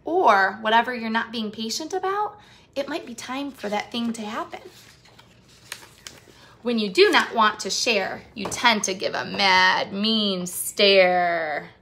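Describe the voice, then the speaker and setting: Speaking at a medium pitch, a woman reads a picture book to children and acts as their host, talking with the young audience. She coaxes them along by asking questions directly and drawing her words out expressively.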